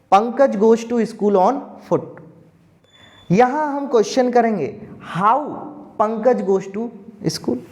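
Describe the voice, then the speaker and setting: Slow, questioning male teacher. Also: high voice, darkish tone. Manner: slow, drawn-out explaining, asks questions and answers them himself. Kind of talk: online grammar lesson.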